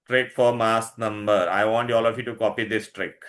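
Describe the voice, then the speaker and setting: In a fairly low, flat, slightly bright voice at a moderate pace, a man with an Indian accent runs an online science lesson. He is instructive and repetitive, putting questions to pupils and often checking that they follow.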